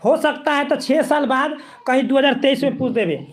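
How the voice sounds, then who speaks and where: A man's voice: extremely high pitch, normal speed. A male physics teacher, coaching students for exams. He repeats himself and keeps asking whether they follow. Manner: repetitive, coaxing, keeps checking students follow. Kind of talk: exam-prep lesson.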